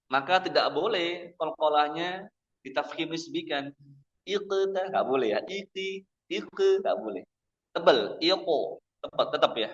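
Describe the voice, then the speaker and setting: A man teaching Quran pronunciation at a mosque study session. He drills each sound slowly and repeats it several times, contrasting the correct reading with wrong ones. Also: fairly high pitch, a bit bright. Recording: dull lo-fi lecture recording.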